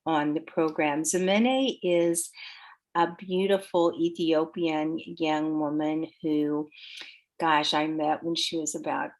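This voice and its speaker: A woman hosting a spiritual podcast, speaking in a gentle, heartfelt way and often searching for her words. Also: deep voice, fairly even intonation, takes it slowly. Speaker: podcast host. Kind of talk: podcast intro and interview.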